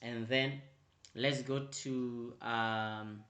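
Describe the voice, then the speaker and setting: Male tutor with a mid-range voice, running an online revision lecture; checks in constantly and pushes students to answer quickly. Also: mid-range voice, steady tone. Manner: repetitive, prompting with "right?" and "quickly"; grows louder and more emphatic when explaining. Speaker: accounting tutor.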